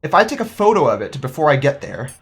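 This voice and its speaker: Husky young man narrating a game playthrough. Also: a little high, very animated, quick pace. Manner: chatty, reads game logs aloud, thinks out loud. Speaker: gaming YouTuber. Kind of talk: casual let's-play commentary.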